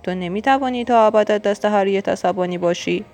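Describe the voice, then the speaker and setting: A woman's voice: medium pitch, darkish tone, faint music behind, close to an everyday voice. A woman voicing a kind, firm father turtle in a storybook reading.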